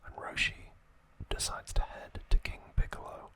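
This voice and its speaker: This is ASMR trivia narrated by a man who whispers softly and breathily. His reading is deliberate and split into short, fragmented phrases.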